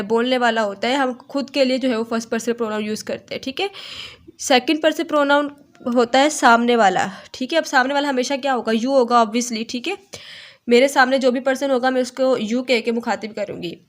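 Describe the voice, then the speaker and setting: A woman gives an online grammar lesson in a slightly high voice. She talks slowly and stops often with "theek hai" to check her students are following. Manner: slow, explaining with frequent "theek hai" checks. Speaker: English teacher.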